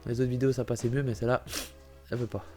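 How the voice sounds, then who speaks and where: Faint music sits behind a man speaking very fast at medium pitch, his voice a little mellow with little pitch movement. He's a YouTuber with a cold, clearing his throat as he gives a chatty, self-correcting tour of a PC-building game and keeps saying sorry.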